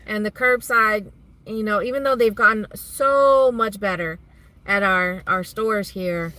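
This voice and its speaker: A woman's voice: mid-range voice, a little slow, sharp tone, no room sound. A woman hosting a casual live stream, chatting with viewers and reading their comments aloud as she talks. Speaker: vlog host doing a live stream. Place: inside a car.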